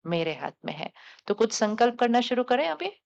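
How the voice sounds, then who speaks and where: A woman spiritual teacher giving a calm, coaxing talk to a live audience, putting questions to the listeners and repeating affirmations. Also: fairly high pitch, fairly quick, gravelly. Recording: dull lo-fi sound.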